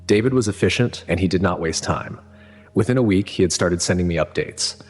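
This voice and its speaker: Very deep-voiced man narrating gravely. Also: a little fast. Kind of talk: scripted first-person story narration. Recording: reverberant hall sound with faint music.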